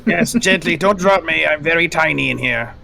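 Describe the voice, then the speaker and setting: A man's voice: fairly high pitch, normal speed, gravelly, pushed and bright, dry recording, heavily acted. A man playing a frail, nervous vampire in a tabletop game, weary, hesitant and plaintive. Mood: weary, timid.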